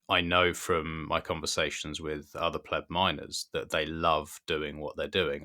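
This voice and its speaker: Deep, bright-toned male podcast host. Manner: engaged, encouraging questions. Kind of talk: conversational interview.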